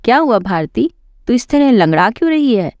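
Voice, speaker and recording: A woman's voice: a little high, big pitch swings, normal speed, a little mellow, no echo, voice pushed up. A woman voicing a quarrelsome, scornful older mother-in-law who taunts and scolds. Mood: scolding.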